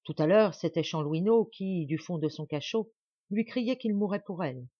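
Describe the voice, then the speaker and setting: A woman's voice: on the low side, normal speed, breathy edge, no room sound. Brief: woman audiobook narrator, dramatic emphatic reading, dry close sound, slightly lo-fi. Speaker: audiobook reader.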